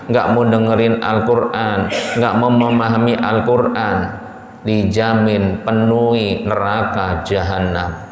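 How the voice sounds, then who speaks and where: A man teaches Quran commentary to a mosque congregation in a loose, conversational way, stretching out words as he lists them one by one. His voice rings through a big reverberant hall with a long tail. A faint hum sits under the speech. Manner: colloquial, animated, acts out Satan's pleading in a high voice, slows to list items. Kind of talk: casual mosque sermon.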